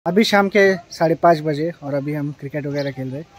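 A man with a notably high-pitched voice talks casually through a travel vlog, explaining each stop along the way. He is from Latur in Maharashtra, India. Music plays steadily under his voice. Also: fast, low-quality recording. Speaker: travel vlogger. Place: on the road and outdoors in a village.

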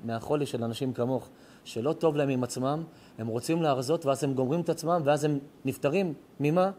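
A man's voice: mid-range voice, dark tone, slight background noise. A middle-aged man, a rabbi, telling a heartfelt story in a moral sermon, his voice rising and cracking with emotion. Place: synagogue or home lecture hall.

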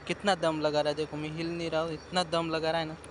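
A man, talking loud and excitably to viewers as a village comedy vlogger on a farm field. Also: on the high side, fast, a little hiss or hum. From Dungarpur, Rajasthan. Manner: loud and excitable, shouting at the goats. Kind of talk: casual vlog talk to viewers. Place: outdoors on a farm field with goats.

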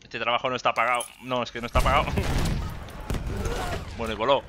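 A man with a Spain Spanish accent giving joking, excitable gameplay commentary and swearing often. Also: mid-range voice, fast, noisy background. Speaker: gaming YouTuber. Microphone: desk USB microphone. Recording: loud game gunfire behind. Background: gunfire and explosions from the game.

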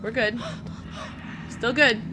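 A woman's voice: a little high, fairly even intonation, slow pace, background noise. A young woman doing let's-play commentary, sarcastic, swearing and talking back to the game characters. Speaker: gaming channel host.

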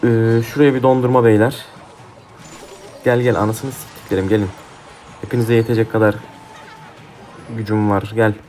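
A man's voice: on the low side, flat delivery, normal speed, pauses often, a little mellow, slight background noise. A young man commentating his own mobile game match, swearing heatedly and trash-talking his opponents. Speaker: gaming YouTuber. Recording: faint game music behind.

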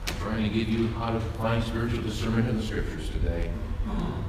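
Man, pastor, animated sermon, roomy echo, noisy distant recording. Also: on the low side, a little fast. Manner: animated preacher, shouts when voicing David. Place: small church sanctuary, indoors. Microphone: far camera. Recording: echoey church from far off.

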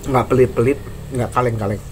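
A man's voice: mid-range voice, steady tone, fairly quick, a little mellow, a little hiss or hum. A man in his thirties doing a casual food review, chatty and slangy, filming himself on a phone in a small indoor room. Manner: chatty, slangy, eating while talking. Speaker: food vlogger. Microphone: phone camera at arm's length.

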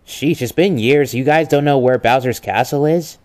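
An actor playing a mischievous young trickster and liar in an amateur comedic role-play, coy and teasing with drawn-out feigned innocence. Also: male voice, medium pitch, darkish tone, close to an everyday voice. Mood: playful.

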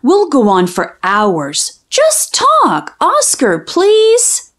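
Extremely slowly, a woman with a high-pitched voice reads a children's picture book aloud. She uses a melodic, expressive storyteller's manner and draws out the rhyming lines.

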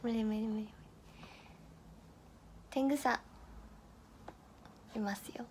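A young woman from Miyagi in northeastern Japan hosts an idol livestream, chatting casually as she reads viewer comments, giggling and stumbling through tongue twisters. Her voice is fairly high and steady, slow and slightly mellow, with a faint hiss or hum in the audio.

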